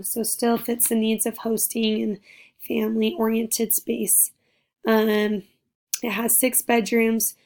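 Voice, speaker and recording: A young woman presenting a class project, her voice raspy because she is losing it, upbeat and full of fillers. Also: fairly high pitch, a little mellow. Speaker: student presenter.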